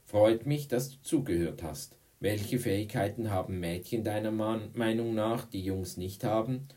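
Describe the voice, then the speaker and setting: A man voicing a friendly, witty female teacher in an audiobook, with a raised, lively voice. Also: lowish voice, normal speed, recorded from a distance, voice pushed up, close to an everyday voice. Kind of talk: audiobook reading.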